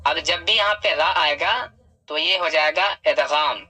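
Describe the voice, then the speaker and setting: A man teaching Quran reading step by step. He talks patiently, draws out key sounds slowly, and asks and answers his own questions. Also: on the high side, pushed and bright, rough recording. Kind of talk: step-by-step recitation lesson.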